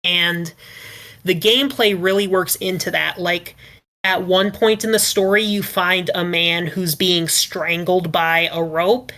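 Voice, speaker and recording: A woman's voice: on the low side, fairly even intonation, unhurried, pushed and bright. Earnest woman chatting on a podcast. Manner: earnest, explains at length with many "like"s. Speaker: podcast panelist and ASMR script writer. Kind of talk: casual podcast chat.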